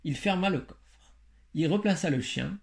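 A man reading a fairy tale aloud in a steady storytelling manner, with occasional slips. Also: a little high, measured pace, vocal fry. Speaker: reader.

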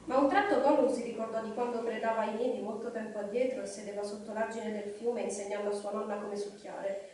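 A woman tells a story in a measured, expressive voice set slightly high. She sounds far from the mic in a very reverberant hall, with faint ambient noise behind her. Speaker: reader. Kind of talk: live storybook reading. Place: live reading evening in a hall.

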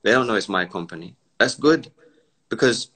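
An entrepreneur and commentator from Barbados, raised in the UK, talks emphatically on a casual live-stream from home, using his phone for the video call. His lowish voice is a bit bright with a breathy edge, moving at normal speed with lively intonation. He lectures at length and acts out the voices of people he quotes.

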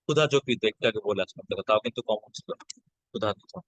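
A man's voice: fairly low pitch, rapid-fire, a bit bright, no room sound, low-quality recording. Patient man teaching at a whiteboard. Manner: patient, repeats each step, checks in with "ঠিক আছে?". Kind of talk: exam-prep lesson at a whiteboard.

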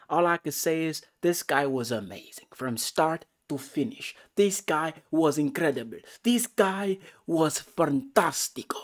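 A man giving a casual, excitable movie review, full of profanity and swinging between loud outbursts and hushed whispers. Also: mid-range voice.

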